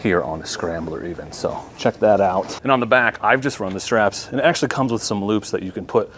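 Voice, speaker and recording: A man in his thirties with a fairly low voice walks viewers through gear in an easygoing, friendly way. He sounds relaxed and practical, dropping casual asides. He is recorded in a large indoor motorcycle showroom. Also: brisk. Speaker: company product presenter. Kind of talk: product demonstration.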